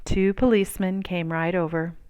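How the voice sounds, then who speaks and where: With a smooth voice on the low side, a woman reads a children's storybook aloud in a deliberate, expressive storytelling style.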